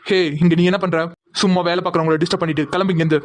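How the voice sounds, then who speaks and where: A man's voice: high-pitched, flat delivery, rapid-fire, close to an everyday voice. A man voicing a group of young men who banter and complain while cooking in a cartoon. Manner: joking, whiny complaints.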